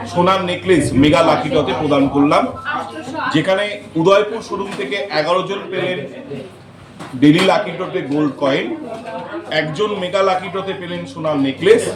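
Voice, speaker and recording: A man giving an unscripted statement as a store representative at an event, speaking phrase by phrase. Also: high-pitched. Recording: echoey room with loud crowd. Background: crowd chatter.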